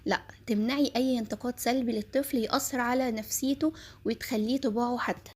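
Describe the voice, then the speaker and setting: A woman's voice: fairly high pitch, fairly even intonation, fast talker, a little mellow, husky. A woman with an Egyptian accent giving earnest parenting advice, speaking directly to mothers. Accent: Egyptian Arabic.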